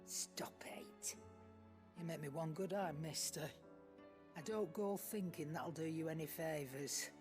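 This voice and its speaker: Lady doing a gruff old shopkeeper nan, blunt and shrewd, video game, some music under. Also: low-pitched, normal speed, lightly acted. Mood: firm, blunt. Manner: blunt, folksy, no-nonsense. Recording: music behind the voice.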